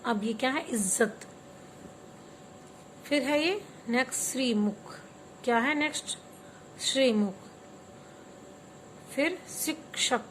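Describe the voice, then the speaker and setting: A woman's voice: high voice, slight background noise, rough recording. A woman teaching a Hindi class to young children, patiently explaining word meanings and having them repeat words after her. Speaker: primary school teacher.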